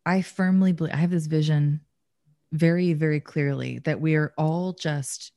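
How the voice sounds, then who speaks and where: Gravelly-voiced woman musing on life. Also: low-pitched, steady tone, moderate pace, warm tone. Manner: reflective and emphatic, with casual swearing. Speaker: relationship coach and author. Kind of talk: casual conversation.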